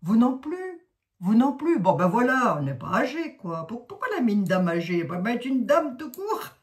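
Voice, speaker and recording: A woman's voice: a little high, sing-song, moderate pace. A woman in her sixties with a Lorraine accent, reading oracle cards in a rambling, chatty way full of asides and fillers. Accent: Lorraine French. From Lorraine, France. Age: 60s. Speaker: card reader, psychic. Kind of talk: casual oracle card reading.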